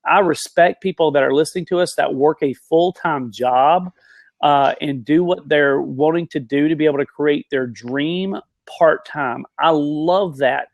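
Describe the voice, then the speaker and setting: A man with a rough, gravelly edge to his voice is in full motivational flow on a live video panel. He talks in folksy, emphatic refrains, and his voice sits close and dry with no room around it. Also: on the high side, a little slow, no room sound, lo-fi sound. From rural area (said, country). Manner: preachy, repetitive, emphatic, folksy. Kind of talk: impassioned motivational rant.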